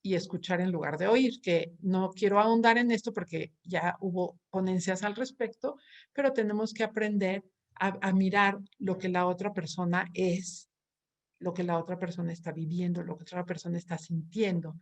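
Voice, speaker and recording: A woman's voice: fairly low pitch, fairly even intonation, normal speed. Mexican woman giving a conference talk. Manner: warm storytelling with frequent restarts and tag questions. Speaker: conference speaker, therapist.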